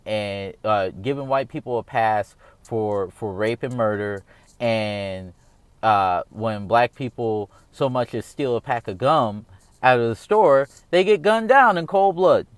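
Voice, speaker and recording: A man's voice: mid-range voice, unhurried, clean tone, dry recording. Earnest rambling man in his thirties. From United States. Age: 30s. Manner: earnest, rambling, emphatic, repeats "all right?". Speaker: vlogger. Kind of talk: casual opinion monologue.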